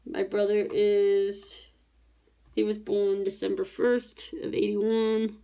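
The audio is poor, but this Tennessee diamond painting YouTuber in her thirties comes through with a mid-range, level, mellow voice, taking her time. She rambles chattily and corrects herself while crafting at her home table.

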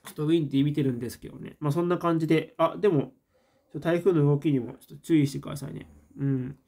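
A man chats through a relaxed livestream, reading viewer comments and musing aloud with plenty of fillers and pauses. His voice sits a little high for a man, with a mellow, soft tone. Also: creaky. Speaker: host.

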